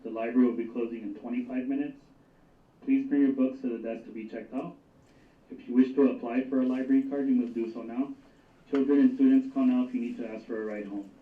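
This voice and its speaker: A man's brisk, formal announcement comes over a public address loudspeaker, sounding thin and phone-like. It echoes through a large room and is picked up from far off. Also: mid-range voice, steady tone. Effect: heard through a public address loudspeaker. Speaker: library announcer. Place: library, heard over the building's speakers.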